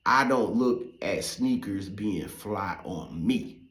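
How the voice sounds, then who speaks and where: A man's voice: lowish voice, animated, takes it slowly, a bit bright, reverberant. A middle-aged man as podcast host, talking in a loose, profane, rambling way with many fillers. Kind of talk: casual monologue.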